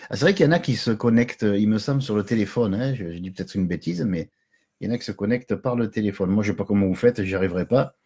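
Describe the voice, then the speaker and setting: A man's voice: fairly low pitch, fast talker, darkish tone, slightly rough. A middle-aged man hosting a casual live stream from home, chatty and jokey, greeting viewers and chuckling often.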